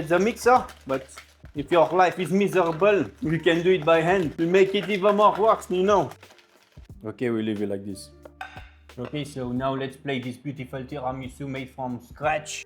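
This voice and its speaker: A man in his thirties with a French-style foreign accent, hosting a casual recipe demonstration in a playful, joking manner. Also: mid-range voice. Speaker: cooking show host. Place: indoor kitchen with steel fridges. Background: music.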